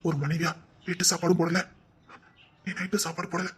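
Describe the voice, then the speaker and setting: Man as a wounded husband, husky voice, fast reproachful talk, web drama acting. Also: sits high, level tone. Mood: wounded pleading. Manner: reproachful, rapid nagging with repeated "di". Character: aggrieved hungry husband, scolding then pleading.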